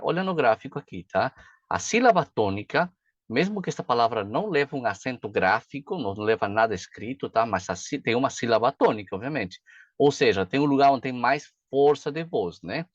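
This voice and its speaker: Chatty teacher, dull dry recording. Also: male voice, mid-range voice, no room sound. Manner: chatty, frequent "tá?" and "né?" check-ins. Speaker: pronunciation teacher. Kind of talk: casual video lesson.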